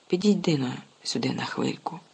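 A reader voicing an earnest, worried middle-aged wizard father who speaks low and hushed in a husky voice. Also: moderate pace, lightly acted.

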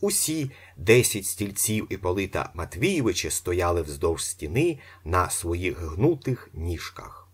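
A male audiobook narrator with a very low, husky voice. He tells the story expressively, with a lively, moving pitch. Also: a little slow, few pauses.

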